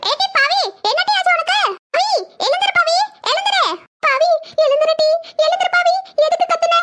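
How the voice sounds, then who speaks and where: A chatty village auntie in a cartoon, fussy and excitable, repeating her words. The voice is extremely high and squeaky, like a sped-up cartoon voice. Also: dry recording.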